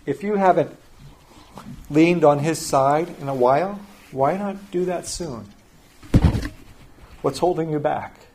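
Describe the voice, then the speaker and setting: An older man preaching a sermon as pastor, telling a family story in a conversational way and often dropping to a soft, quiet voice. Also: on the high side, slow pace, pauses often, slight background noise.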